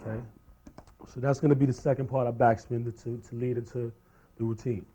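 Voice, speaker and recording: A man's voice: mid-range voice, level tone, a little fast, warm tone, lo-fi sound, a little hiss or hum. A man demonstrating a beat-juggling routine, explaining each step casually while he works the turntables. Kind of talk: step-by-step tutorial over turntables. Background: record scratching and music.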